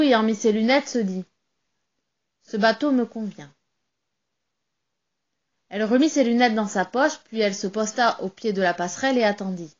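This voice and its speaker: A woman reading a children's tale aloud in a calm, measured way. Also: fairly high pitch, lo-fi sound. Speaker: storyteller.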